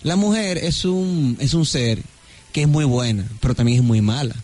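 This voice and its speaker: A man's voice: mid-range voice, moderate pace, a little mellow. A man co-hosting a casual radio talk show, telling stories and acting out quoted dialogue. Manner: storytelling, acts out quoted dialogue. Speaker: radio co-host. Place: radio studio.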